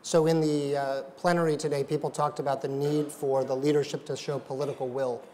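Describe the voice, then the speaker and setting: A man's voice: a little high, flat delivery, fairly quick, darkish tone. Probing male moderator in a reverberant hall. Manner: probing, summarizes before asking. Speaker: interviewer, moderator. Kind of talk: on-stage interview questioning. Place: conference hall stage before an audience. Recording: reverberant hall, faint background noise.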